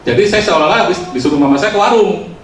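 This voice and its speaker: A man's voice: high voice, very fast, a crowd in the background. A man giving a casual, storytelling sermon to a youth congregation, chatty and self-mocking with lots of filler words, recorded in a church hall. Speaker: youth preacher. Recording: roomy, distant mic, faint noise.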